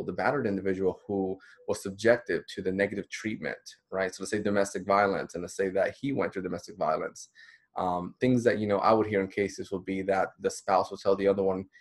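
A man's voice: low-pitched, steady tone, fairly quick. A man in his thirties, a counselor from the Dominican Republic, giving a casual, encouraging recorded lecture with many fillers. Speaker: counselor teaching a course. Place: small indoor room.

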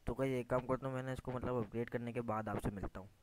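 A man's voice: medium pitch, rapid-fire, low-quality recording. A man giving casual commentary over his gameplay, chatty, calling out to his viewers often and muttering at his own mistakes. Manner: chatty, says "guys" constantly, mutters at mistakes. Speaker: gaming YouTuber. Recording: screen recording with steady noise.

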